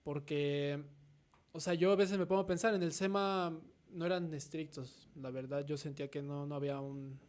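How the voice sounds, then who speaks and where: A young Mexican man in his twenties speaks as the guest artist in a relaxed interview. His voice sits a little high for a man. He reflects out loud and keeps checking in with a quick questioning "no?". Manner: reflective, tags nearly every thought with a questioning "no?". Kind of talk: casual conversational interview.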